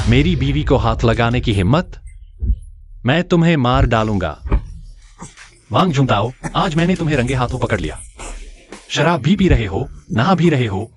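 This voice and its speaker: A man's voice: medium pitch, big pitch swings, normal speed, pauses often, close to an everyday voice. An actor playing a suspicious, angry husband who accuses his wife of cheating. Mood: furious. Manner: accusing, agitated. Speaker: jealous husband.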